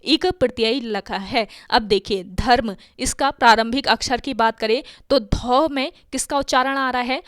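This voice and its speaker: Lady teacher going over grammar rules step by step, bit high pitched, dry sound. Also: a little slow, hardly any pauses, no room sound. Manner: explains step by step, asks and answers her own questions. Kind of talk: exam-prep grammar lesson.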